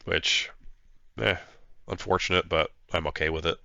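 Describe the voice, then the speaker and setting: Still getting over a flu, a man narrates his own tabletop battle as a player in casual play-by-play, nasal and stuffed-up, thinking aloud with many hesitant fillers. His low-pitched voice has vocal fry, fairly even intonation, and a moderate pace. The muffled recording has a crowd in the background.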